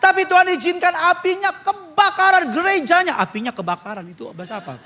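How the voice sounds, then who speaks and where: A man preaching a sermon as pastor, swinging from low murmurs to loud calls and asking the congregation to respond. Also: expressive, quick pace. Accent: Indonesian. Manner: asks congregation to respond and turn to neighbours.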